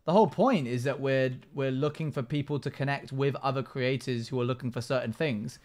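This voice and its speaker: A live streamer in his twenties gives casual, chatty game commentary from a small room at home, reading chat messages aloud and answering them. His medium-pitched voice is darkish and a little fast.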